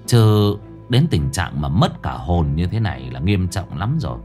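Guy narrating a ghost story, low voice, music faint underneath. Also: unhurried. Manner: expressive storyteller. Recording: soft background music.

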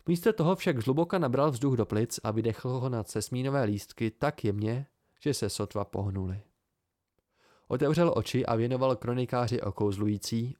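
A man calmly narrating an amateur audiobook. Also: mid-range voice, dry recording, studio quality. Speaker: audiobook reader.

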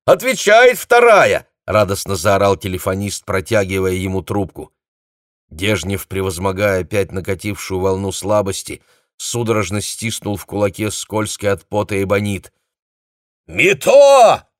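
A man narrating an audiobook in a steady, measured reading voice. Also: sits low, no room sound, clean studio sound.

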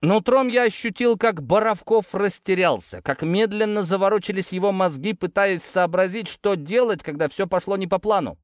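A man's voice: high-pitched, normal speed, hardly any pauses, no echo, clean studio sound. A man narrating a first-person audiobook in a tense, dramatic way. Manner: tense, dramatic, lively delivery.

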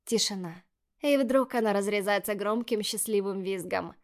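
A woman reading first-person scripted narration in a measured, expressive way. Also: medium pitch. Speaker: audiobook narrator.

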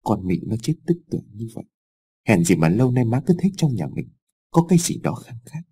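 A man voicing a frightened, tearful older village mother who pleads softly in an audiobook story. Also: mid-range voice, expressive, fairly quick, slightly rough. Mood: fearful pleading. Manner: soft, pleading, sobbing.

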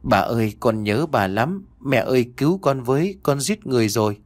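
A man's voice: medium pitch, lively intonation, normal speed, close to an everyday voice. A man voicing a desperate, tearful young woman who speaks curtly and pleads. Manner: curt, pleading.

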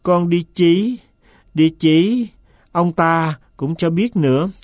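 A man's voice: a little high, takes it slowly, dry recording. A man voicing a sullen, evasive manservant who keeps stubbornly denying, in a dry, close audiobook sound. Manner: stubborn, insistent denials.

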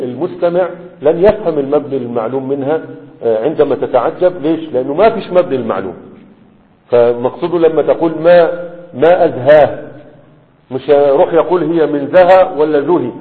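A man teaching morphology in a lecture, often asking rhetorical questions and checking that the students follow. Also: a little high. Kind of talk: explanatory lecture. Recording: tinny phone-like audio with long hall reverb.

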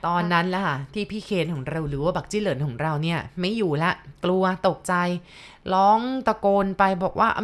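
A woman storyteller narrating a ghost story in a lively way, speaking to her listeners. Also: on the low side.

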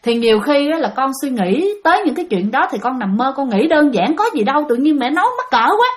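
A woman's voice: high voice, very animated, quick pace. A woman voicing an embarrassed young man brushing off his mother's worry. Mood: sheepish. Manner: sheepish, dismissive.

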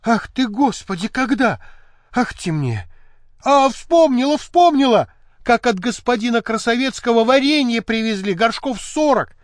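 A man doing a shrill, frightened young maid. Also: takes it slowly, no echo, studio quality, exaggerated voice. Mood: agitated. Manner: excited, breathless exclaiming.

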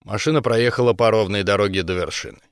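A man narrating an audiobook in a steady, even storytelling manner. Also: on the low side, quick pace, smooth, dry recording, studio quality. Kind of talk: scripted narration.

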